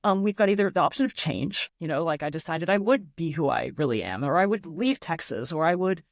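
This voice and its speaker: A woman appears as a guest writer in a thoughtful interview, reflective and enthusiastic as she works through ideas using imagined examples. Her low voice is expressive and brisk, and the recording is dry, with almost no room sound.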